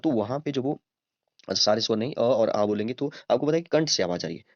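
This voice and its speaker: A man teaching grammar at a board, talking slowly with many fillers and frequent checks with his students. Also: mid-range voice, dry recording. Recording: dull lo-fi dry sound.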